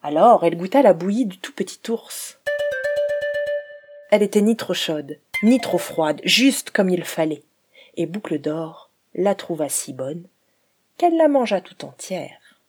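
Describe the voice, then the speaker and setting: Woman storyteller, children's fairy tale, expressive, hushed at moments, faint music behind. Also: fairly low pitch, measured pace. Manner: expressive, dropping to a whisper at times. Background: faint forest-themed music.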